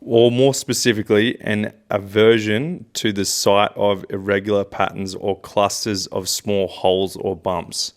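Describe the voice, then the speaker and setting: A man's voice: on the low side, little pitch movement, measured pace, few pauses. A man co-hosting a podcast, telling a story in casual chat with lots of fillers and restarts. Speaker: podcast co-host.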